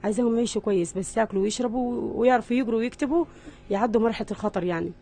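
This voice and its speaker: A woman's voice: on the high side, very fast, warm tone. A middle-aged Egyptian woman with an Egyptian Arabic accent, speaking in an earnest, weary and pleading way in a news interview. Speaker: mother interviewed about her sick children.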